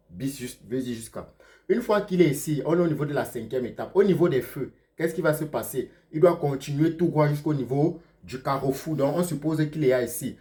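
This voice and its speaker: A man teaching a lesson, checking in with "ok?" after almost every phrase and slowing down sharply on the words he is teaching. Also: medium pitch, a little mellow. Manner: slows down sharply to spell out German words. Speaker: German teacher. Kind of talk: explaining lesson to learners.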